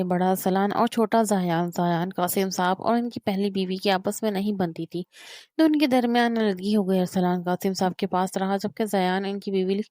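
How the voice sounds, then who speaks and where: A woman narrating a romantic novel in a steady, measured reading voice. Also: mid-range voice, no echo, studio quality.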